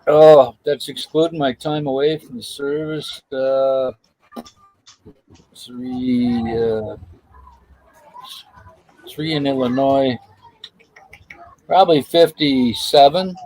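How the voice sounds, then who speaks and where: A man's voice: mid-range voice, steady tone, dark tone, no echo. American guy in his 50s hosting a stream, dry close sound, blunt, stumbles and repeats himself. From United States. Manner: blunt, halting, repeats words. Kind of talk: casual group chat.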